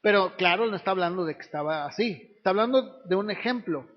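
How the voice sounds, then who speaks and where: Man, pastor's sermon, high voice, long echoing reverb, rhetorical questions. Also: lively intonation, fairly quick. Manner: preaches with frequent rhetorical tag questions, acting out voices of others. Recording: reverberant hall, dull lo-fi sound.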